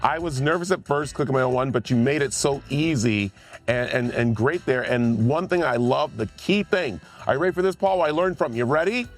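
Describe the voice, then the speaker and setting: A man's voice: medium pitch, brisk. A man hosting a TV segment, talking with a guest in an enthusiastic, playful manner. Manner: enthusiastic and playful, building suspense. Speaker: TV host. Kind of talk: interview chat.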